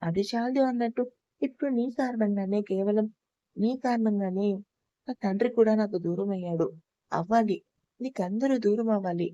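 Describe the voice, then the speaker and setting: A woman's voice: medium pitch, normal speed, warm tone, dry recording, close to an everyday voice. A woman voicing a vengeful young husband who taunts and threatens, in a dull lo-fi recording. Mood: menacing.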